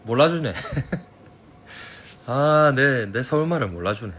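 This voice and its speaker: A man's voice: mid-range voice, lively intonation, slow, a bit bright, a little hiss or hum. A man with a Gyeongsang Korean accent chatting casually on a live stream from his phone, reading viewers' comments, playful and teasing and laughing often.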